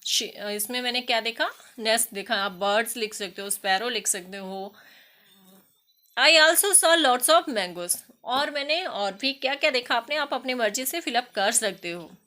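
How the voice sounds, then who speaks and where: A woman teacher explaining an English lesson, reading English sentences slowly and loudly and spelling words letter by letter. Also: on the high side. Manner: spells words letter by letter, addresses students as beta. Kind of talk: recorded classroom lesson.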